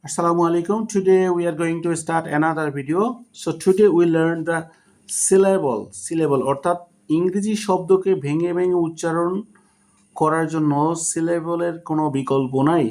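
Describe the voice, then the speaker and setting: A man giving a spoken English lesson, explaining slowly and breaking words into syllables. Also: on the high side, fairly even intonation, darkish tone. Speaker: English teacher.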